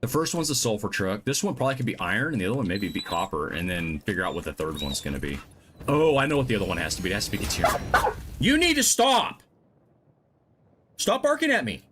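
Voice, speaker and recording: Low-voiced man musing through gameplay. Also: sing-song, rapid-fire, fairly bright tone, a little hiss or hum. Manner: thinks aloud, muttering to himself while planning. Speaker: live-stream gamer. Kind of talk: casual gameplay commentary. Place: home.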